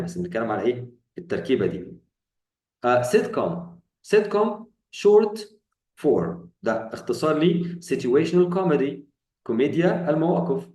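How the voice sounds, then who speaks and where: A man's voice: mid-range voice, darkish tone, reverberant, recorded from a distance, rough recording. A man with an Egyptian Arabic accent teaching English vocabulary, explaining each term in colloquial Arabic and asking his students questions. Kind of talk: vocabulary lesson.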